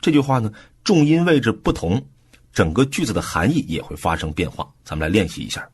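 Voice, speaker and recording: Male audiobook explainer, very breathy and husky, lively, easygoing delivery. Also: on the low side, fairly quick. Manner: relaxed explanatory, with soft filler particles. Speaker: audiobook book-summary narrator. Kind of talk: conversational book explanation.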